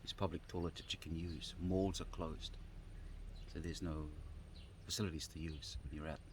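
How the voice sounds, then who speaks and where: A man sitting outdoors on the grass, telling a personal story in a halting way, often repeating and restarting phrases. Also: rumbling low, steady tone, background noise. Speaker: vlogger.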